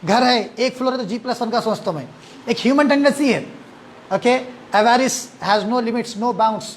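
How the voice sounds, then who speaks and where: A man's voice: very high-pitched, normal speed, a little hiss or hum. Man teaching English verb forms. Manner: drills students with repeat-after-me, mixes English and Hindi-Urdu. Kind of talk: online verb-forms class.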